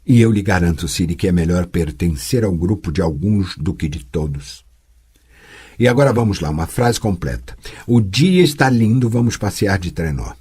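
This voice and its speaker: A man voicing a calm, teasing sorceress tutor. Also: deep voice, moderate pace, breathy edge, pitched below the performer's own voice, exaggerated voice. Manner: calm, gently chiding. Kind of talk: audiobook character voice.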